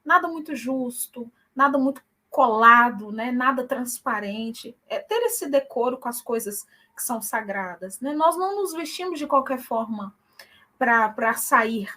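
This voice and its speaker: Bright high-voiced woman, earnest. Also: measured pace. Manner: earnest, frequent tag questions. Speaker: guest, church singer. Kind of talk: conversational interview.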